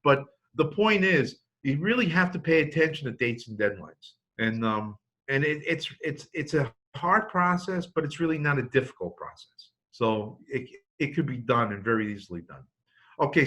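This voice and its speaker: A man's voice: fairly high pitch, sing-song, moderate pace, fairly bright tone. A man in his fifties giving a college financial aid talk to parents, telling jokes and stories and often restarting his sentences. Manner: anecdotal, joking, with many restarts.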